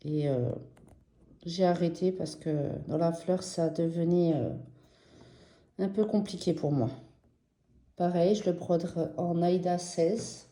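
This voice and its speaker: French woman vlogger, unhurried, very dark mellow tone, roomy echo. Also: fairly low pitch. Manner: slow, gentle and enthusiastic, with many fillers. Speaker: embroidery vlogger. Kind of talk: casual show-and-tell vlog.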